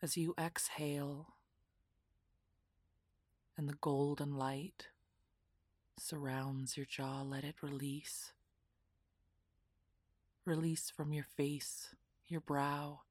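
A woman guiding a relaxation meditation in a soft, half-whispered, soothing voice. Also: low-pitched, no echo, clean studio sound. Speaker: meditation guide.

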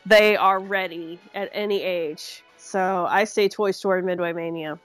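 A woman's voice: on the low side, fairly even intonation, a little slow, no room sound, faint music behind. A woman podcast co-host chatting casually, playfully protesting, with a voice that sounds worn and under the weather from a cold.

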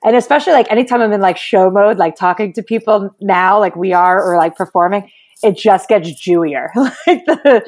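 A woman with a New York accent and a raspy chain-smoker voice, chatting casually and jokingly as a comedian guest. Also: mid-range voice, moderate pace, a little mellow. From Brooklyn, New York, United States. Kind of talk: casual chat.

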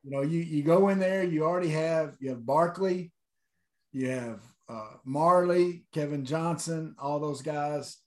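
Animateur masculin à la voix assez haute. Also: male voice, a little high, unhurried. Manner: enthusiastic fan, conversational. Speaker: interview host. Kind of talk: casual sports chat.

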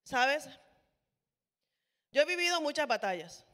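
A woman preaches with passion, pressing her listeners with emphatic rhetorical questions. Her voice is high and bright, and each phrase trails into the long reverb of a large hall. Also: very animated, unhurried. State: sweaty, toweling off. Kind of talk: sermon.

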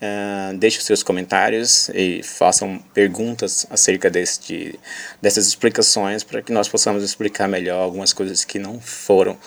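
A man hosting a podcast lesson, patiently explaining an English dialogue with many pauses and fillers, reading the English lines slowly and carefully. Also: fairly low pitch, steady tone, creaky. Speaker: English teacher.

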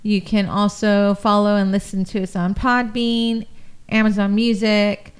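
Woman, phlegmy chest and nose, allergy congestion, casual comedic podcast chat, medium pitch. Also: level tone, a little slow, clean tone. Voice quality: phlegmy, nasal. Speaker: horror podcast co-host.

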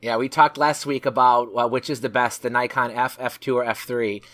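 A man's voice: medium pitch, fairly even intonation, brisk, fairly bright tone. Man hosting with easy banter. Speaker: podcast host. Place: remote video call.

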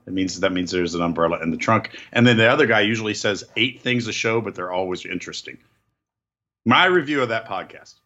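A man's voice: on the low side, a little fast, sharp tone, highs cut off. A man co-hosting a podcast in casual chat, rambling through absurd joking tangents. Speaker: podcast co-host.

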